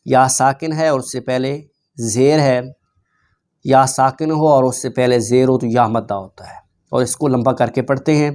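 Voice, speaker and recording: A man teaching prayer recitation, slowly drawing out each verse and then explaining quickly in Urdu-accented speech. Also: medium pitch, steady tone, a little mellow, smooth. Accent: Pakistani Urdu. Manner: slow drawn-out recitation between quick explanations. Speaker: religious teacher. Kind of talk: recitation lesson for students.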